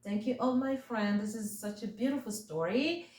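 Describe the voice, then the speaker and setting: In an echoey, roomy space, a woman with a slightly high, slightly mellow voice reads a picture book to young children without hurrying. She reads expressively, treating her listeners as friends, as a children's storybook reader.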